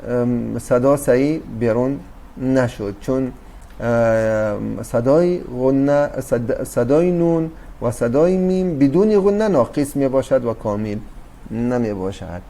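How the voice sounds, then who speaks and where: A man's voice: medium pitch, expressive, warm tone. A man teaching a recorded Quran recitation lesson, explaining patiently with fillers and restarts. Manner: addresses listeners as dear brothers and sisters.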